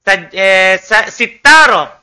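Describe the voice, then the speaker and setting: High, bright-voiced man teaching slowly. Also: animated, clean tone. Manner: drills students, repeats and corrects pronunciation. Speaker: Arabic teacher. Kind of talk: classroom language lesson.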